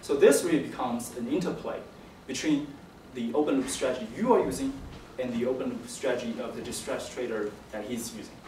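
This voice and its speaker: A young man presents academic work in a hesitant, stop-and-start way, often repeating words. His voice is mid-pitched and picked up from a distance in an echoey seminar room, with faint noise. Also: a little fast, few pauses, darkish tone. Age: young adult. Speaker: PhD candidate presenting. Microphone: distant camera microphone.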